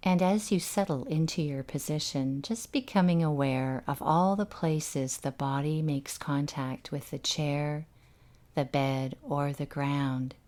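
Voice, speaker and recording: A low-pitched woman guides listeners through meditation, her tone gentle and relaxing. She moves slowly, with extended pauses between each instruction.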